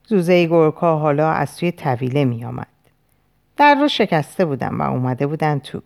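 A woman narrating a dark novel as an audiobook, slow and grave, with weighty pauses. Her voice sits low but moves widely and expressively between lines. The reading is deliberate and dramatic. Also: animated, creaky.

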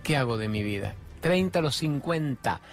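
A man's voice: medium pitch, expressive, moderate pace, soft background music. Emphatic middle-aged Rioplatense man. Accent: Rioplatense Spanish. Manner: emphatic, with rhetorical questions and colloquial slang. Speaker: spiritual speaker. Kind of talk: spiritual self-help talk.

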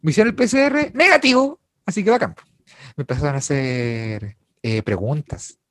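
A young Chilean man telling a story in a casual chat, animated, laughing and full of slang. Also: fairly high pitch, moderate pace, dry recording, studio quality. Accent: Chilean Spanish.

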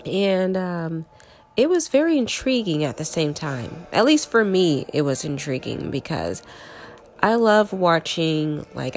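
A woman with a congested, stuffy-nosed voice from a cold, hosting a casual, chatty horror movie review full of conversational filler words. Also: on the low side. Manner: chatty, conversational, frequent "like" and "you know". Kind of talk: casual solo review chat.

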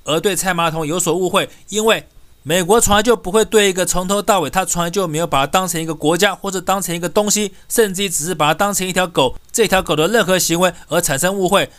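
A man's voice: sits high, fast, fairly bright tone. A man delivering a scornful political rant, firing off insulting rhetorical questions. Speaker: political commentator. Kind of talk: ranting political commentary.

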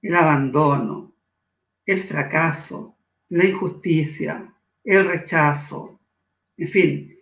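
A man from Chile, a guest in an interview, speaking in an earnest, measured way that slows for emphasis. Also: on the high side, creaky, fairly bright tone, roomy sound, muffled recording. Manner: earnest, measured, shifts between slow emphasis and quick asides. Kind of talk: reflective interview talk.

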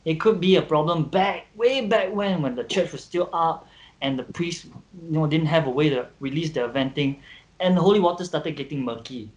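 A man's voice: on the high side, normal speed, rough recording. A man, co-hosting a podcast in playful, irreverent chat and acting out quoted voices. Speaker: podcast co-host. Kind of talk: joking casual chat.

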